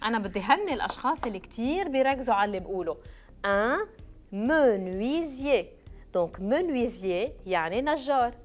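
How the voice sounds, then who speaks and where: A woman teaching French words in a televised lesson, stretching out each word and spelling it slowly for her pupils. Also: fairly high pitch, lively intonation, faint music behind. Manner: slow, clearly spelled-out drilling of words.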